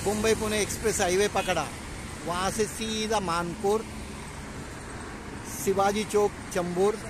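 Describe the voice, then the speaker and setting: High-voiced male instructor on a windy roadside. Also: fairly even intonation, measured pace. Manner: lists route stops one by one, blessing in mixed Hindi-English. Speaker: driving instructor. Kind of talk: roadside student interview. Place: outdoors beside a busy highway. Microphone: phone camera held by the speaker. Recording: loud wind and traffic noise.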